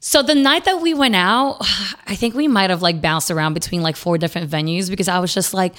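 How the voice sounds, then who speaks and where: A woman's voice: lowish voice, fairly quick, fairly bright tone. A young adult woman from Los Angeles, a guest DJ chatting casually on a podcast, loose and profane with lots of "like" fillers. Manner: chatty, swears freely, many "like" fillers.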